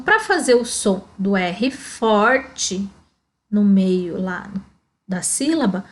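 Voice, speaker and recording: A Brazilian woman teaching a primary school lesson, explaining step by step and checking in with "tá?". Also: medium pitch. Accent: Brazilian Portuguese. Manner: slow, explaining, frequent "ó" and "tá?".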